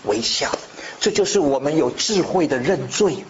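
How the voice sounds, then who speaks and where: A man preaching a sermon with lively rhetorical questions to the congregation, mixing in the odd English word. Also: fairly high pitch, normal speed. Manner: mixes in English words. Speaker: pastor. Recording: slightly dull, faint room noise.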